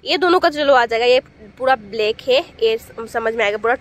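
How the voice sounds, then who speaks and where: A woman in her thirties hosts a casual family vlog from her home. Her voice sits a bit higher than most. She chats fondly and repeats words in an affectionate way. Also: moderate pace. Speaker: vlog host and mother.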